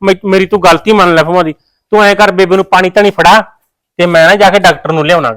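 A man's voice: high voice, fairly even intonation, fast, fairly bright tone, low-quality recording. A young man playing a hot-tempered son and husband who accuses his wife, then apologizes. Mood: accusing, heated.

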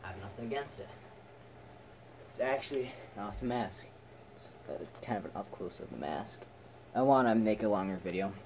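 A young man giving a casual, halting, unscripted product review in short fragments. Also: on the low side, expressive. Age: teens to young adult. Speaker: video reviewer. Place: small attic room indoors. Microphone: camera a few metres away. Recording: distant camera mic, noisy room.

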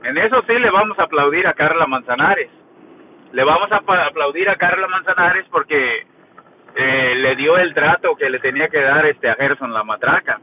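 A man's voice: fairly high pitch, animated, moderate pace. Crude, joking Mexican man vlogging. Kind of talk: casual gossip monologue. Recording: tinny phone-like sound with faint noise.

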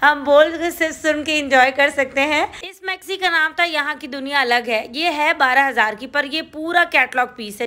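A woman's voice: sits high, bright, forceful tone. A woman from Pakistan with a Karachi Urdu accent narrating a shopping tour in a chatty, enthusiastic voice-over, listing prices. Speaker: shopping vlogger.

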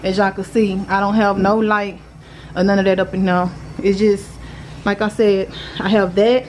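A young Southern single mom talks at a moderate pace in a medium-pitched, level, slightly mellow voice during a casual cleaning vlog, stopping to scold her kids. She holds a phone camera while moving through her apartment living room and kitchen. A little hiss or hum is audible.

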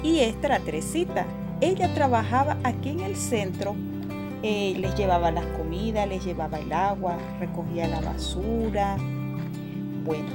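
A woman narrating a toy-game story in a gentle storytelling tone. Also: mid-range voice, normal speed. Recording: loud background music.

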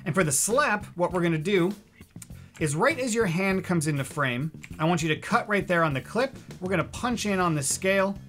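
A man's voice: high voice, expressive, moderate pace, fairly bright tone, soft background music. A man hosting a casual video-editing tutorial, upbeat, chatty and direct. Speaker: host.

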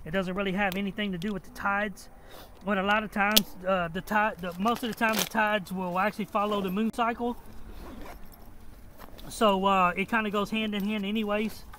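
A fairly high-pitched man talks outdoors on a riverbank, rambling and restarting with lots of fillers. His voice comes through a body-mounted camera mic, with faint outdoor noise behind him. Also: level tone, normal speed. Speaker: fishing vlogger. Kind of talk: casual first-person vlog explanation.

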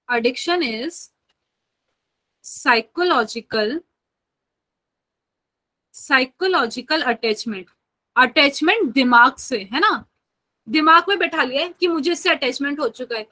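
A young Indian woman teaching biology in an online class, chatting through explanations and slowly dictating English definitions word by word. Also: sits high, bright, forceful tone, low-quality recording.

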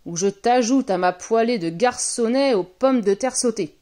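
A woman voicing a huge, roaring male ogre in a storybook reading, with a loud, booming voice. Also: animated, normal speed.

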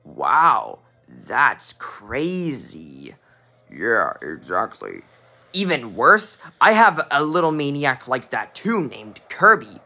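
A fan plays a jumpy masked knight who yelps and stammers when startled, his bright voice leaping wildly in pitch with a breathy edge. It's a homemade fan cartoon. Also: huge pitch swings, takes it slowly, heavily acted. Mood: curious.

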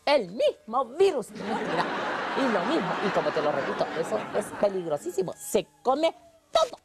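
A woman voicing a gruff male teacher, scolding and mocking his slow students. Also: medium pitch, big pitch swings, a loud crowd, heavy background noise, voice pushed down. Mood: lecturing. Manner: scolding, calls people animals.

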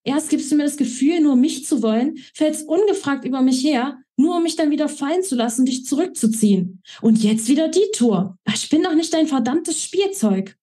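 A woman voicing a proud young woman who lashes out at her lover in sharp, scolding outbursts. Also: mid-range voice, unhurried, slightly rough. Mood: angry.

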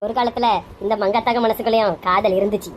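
A woman's voice: mid-range voice, steady tone, quick pace, a little hiss or hum, lightly acted. A woman playing a brash, melodramatic middle-aged mother in a comedy skit, bossy and scolding, with a Kanyakumari Tamil accent.

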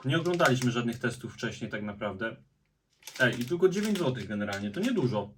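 A man's voice: mid-range voice, big pitch swings, brisk, background noise. A man casually chatting and reacting as he tastes spicy food, hosting a food vlog. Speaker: vlog host. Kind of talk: casual food-tasting chat. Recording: slightly distant microphone.

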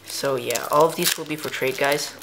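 A woman's voice: extremely low pitch, normal speed. A young woman giving casual commentary as host of a home-recorded unboxing video. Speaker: trading card video host. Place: room at home. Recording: faint background noise.

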